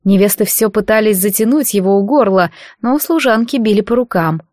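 A woman reading a fantasy novel aloud as an audiobook narrator, with expressive storytelling. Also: mid-range voice, a little fast, no room sound, studio quality. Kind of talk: scripted narration.

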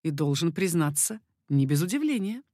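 Lady doing a wary clever king, slow and guarded, deeper voice. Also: sing-song, mellow, dry recording, studio quality. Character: shrewd young king, wary and measured. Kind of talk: audiobook reading.

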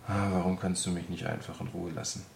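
A man's voice: deep voice, level tone, a little fast, creaky, darkish tone, a little hiss or hum. A man doing a grumbling, gloomy ghost. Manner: grumbling, self-pitying. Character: gloomy chubby little male ghost. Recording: roomy echo.

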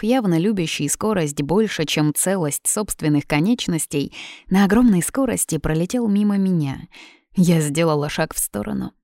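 A woman's voice: lowish voice, creaky, warm tone, no echo, studio quality. A woman reading an audiobook in scripted narration, with a lightly ironic storytelling manner.

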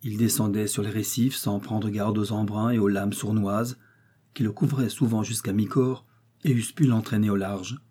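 A man reading a novel aloud, with steady, measured narration. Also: on the low side, breathy edge. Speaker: reader.

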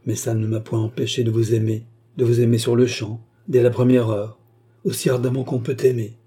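A remorseful courtesan pours out her confession in an impassioned, pleading voice, read by a man. The tone is very dark and mellow, with a husky grain. It comes across as a figure in an audiobook. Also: medium pitch, little pitch movement, brisk, close to an everyday voice. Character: passionate remorseful woman courtesan.

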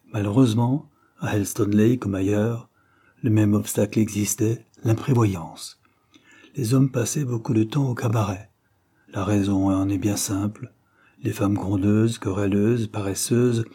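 A man reading a novel aloud in a measured narration style, sometimes addressing the reader. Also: on the low side, warm tone, slightly rough. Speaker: audiobook reader. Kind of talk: audiobook narration.

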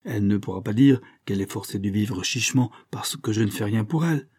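Storybook reading: a man doing a short-tempered old English lord, dark and husky, barking his scorn. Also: on the low side, brisk. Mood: angry. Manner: growling, scornful outbursts. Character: irascible gouty old English earl.

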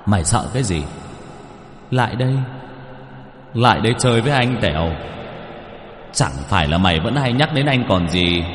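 A man's voice: on the low side, animated, normal speed, pauses often, roomy sound, big-room sound, slight background noise, lightly acted. A man putting on a sing-song, taunting ghost. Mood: eerie taunting. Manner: soft, sing-song and mocking. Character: dead man's ghost, taunting and eerie.

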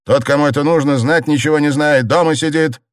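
A man reading aloud voices a testy young nobleman who shouts and sneers at his wife. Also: mid-range voice, animated, moderate pace, dry recording, studio quality, pitched above the performer's own voice, natural voice. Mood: shouting. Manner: shouting, grumbling, sarcastic.

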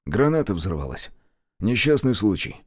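A man's voice: on the low side, very animated, normal speed, no echo, clean studio sound. A man voicing a wounded, stoic male partisan officer, clipped and firm in an audiobook.

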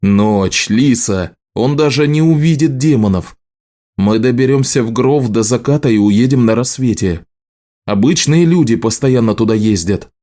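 A man voicing a firm, steady adult husband in an audiobook, speaking calmly in a mid-pitched voice. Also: moderate pace, lightly acted. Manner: calm, firm.

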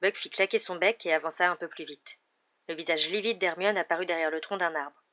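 A woman narrates an audiobook with a steady, measured reading in a fairly low voice. The recording sounds dull and muffled.

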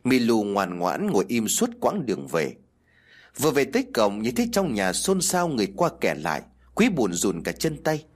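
A male narrator reads a ghost story with a husky, breathy tone. His intonation rises and falls with feeling, measured and expressive. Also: medium pitch.

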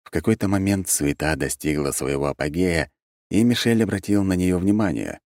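A man narrating a first-person fantasy audiobook in an expressive reading style. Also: deep voice, moderate pace, no echo, studio quality.

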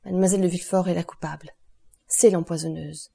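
A woman reading the part of a stern, relentless male doctor, solemn and accusing in a measured way. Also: lowish voice, steady tone, creaky, warm tone, husky.

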